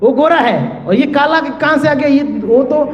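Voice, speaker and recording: A man's voice: extremely high pitch, moderate pace. A man telling a devotional story as a sermon, acting out the dialogue in changing voices and slipping English words into his casual telling. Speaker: Bhagavatam storyteller. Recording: echoey hall, slightly dull sound.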